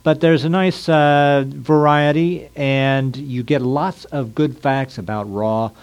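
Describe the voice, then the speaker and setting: A man's voice: mid-range voice, fairly even intonation, takes it slowly, clear, resonant tone. A man hosting a podcast who chats with a guest in an easygoing way and laughs often. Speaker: podcast host. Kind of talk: casual interview.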